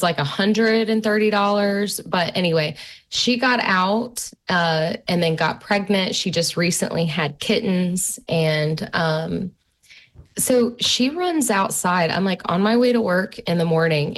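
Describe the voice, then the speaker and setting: A woman in her thirties talks in a loose, chatty way, piling on fillers as she tells a story. Her voice sits fairly low for a woman. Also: lively intonation, slow pace. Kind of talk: casual conversation.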